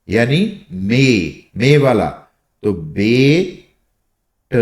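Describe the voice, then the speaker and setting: A man teaching English vowel sounds in a slow, patient way, drawing out each example word. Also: mid-range voice. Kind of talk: spoken lesson.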